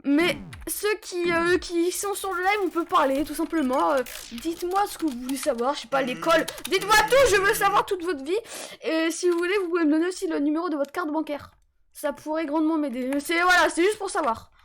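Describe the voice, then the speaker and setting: Very high-pitched playful woman streamer. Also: brisk. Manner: playful, joking, excitable with sudden yelps. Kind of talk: casual live-stream chat while gaming. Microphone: headset.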